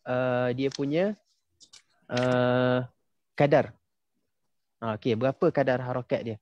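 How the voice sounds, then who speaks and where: In a casual online class, a young Malaysian tajwid teacher patiently quizzes students, with "ha" and "okey" filling the gaps. He talks slowly in a mid-range, darkish voice with fairly even intonation, and the sound is lo-fi.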